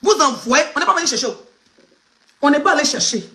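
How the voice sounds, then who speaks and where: A woman's voice: sits high, lively intonation, brisk, pushed and bright. A woman from Côte d'Ivoire with an Ivorian French accent, doing live gossip commentary in a mocking, emphatic way that speaks straight to the person she criticizes. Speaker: online gossip blogger.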